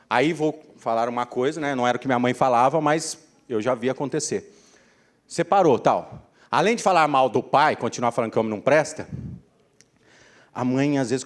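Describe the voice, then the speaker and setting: A man from Brazil giving a live motivational talk to an audience, joking and speaking to the listeners directly. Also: fairly high pitch. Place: council chamber hall.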